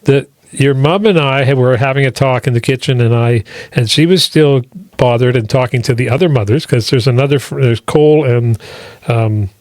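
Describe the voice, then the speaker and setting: A man's voice: medium pitch, normal speed, few pauses, darkish tone, dry recording. Middle-aged man rambling fatherly podcast chat. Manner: rambling, restarts, fatherly asides.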